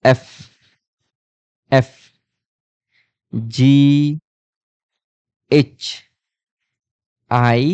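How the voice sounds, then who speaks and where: Slow-talking man teaching pronunciation. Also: medium pitch, darkish tone, dry recording. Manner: repeats each sound and quizzes listeners. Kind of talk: slow spoken lesson. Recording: dull, lo-fi sound.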